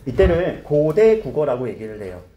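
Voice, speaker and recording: A man teaching a high school grammar lesson, asking his students questions, coaxing answers and repeating key terms. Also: sing-song, normal speed, mellow.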